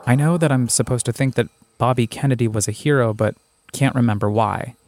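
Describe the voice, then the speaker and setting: A man from the United States narrating a scripted first-person audio essay in a reflective, deliberate way. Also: mid-range voice, a little mellow, no room sound. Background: music.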